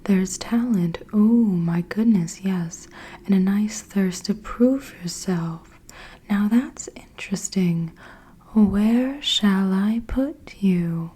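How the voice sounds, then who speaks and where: A woman's voice: mid-range voice, slow pace, dark tone, slightly rough. A woman voicing a wise old talking hat in a whispered storybook reading. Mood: musing.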